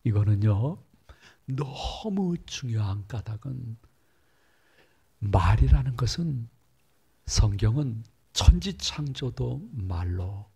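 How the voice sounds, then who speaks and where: A middle-aged male pastor preaches in a church sanctuary, telling a story slowly with long pauses and acting out its voices with big pitch jumps. His voice is creaky, mellow, and husky, with lively intonation.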